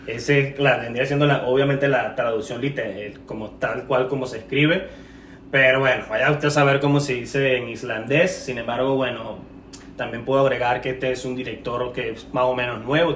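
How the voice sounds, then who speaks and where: A man co-hosting a relaxed film-chat podcast, wandering through his points and stumbling over words. He sits back from the microphone in an echoey room. A faint hiss runs under his voice. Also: mid-range voice, normal speed, recorded from a distance. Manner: rambling, self-correcting, laughs often. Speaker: podcast co-host. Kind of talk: casual film-discussion podcast.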